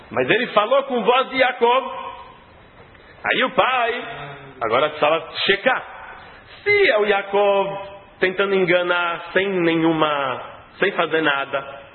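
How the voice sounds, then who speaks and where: A man teaching a religious lesson as lively storytelling, acting out the scenes and often clearing his throat. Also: high voice. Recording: tinny phone-like sound in an echoey hall.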